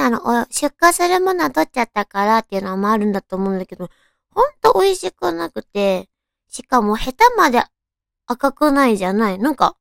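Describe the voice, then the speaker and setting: A woman with a cute, girlish anime-like voice, chatting casually on her own as a radio talk host, with softly drawn-out phrasing. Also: fairly high pitch, vocal fry, no room sound, studio quality. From Tochigi, Japan. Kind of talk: casual solo chat.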